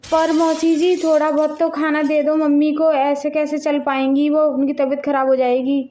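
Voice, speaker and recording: A woman's voice: sits high, flat delivery, moderate pace, warm tone, slight background noise, lightly acted. A woman voicing a dutiful young daughter-in-law who speaks politely and obediently. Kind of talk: family drama voice acting. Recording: dull audio with faint music.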